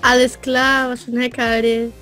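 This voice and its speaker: High-voiced young woman chatting while gaming. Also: level tone, normal speed, loud music behind the voice. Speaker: gamer playing along. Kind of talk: casual chat during gameplay.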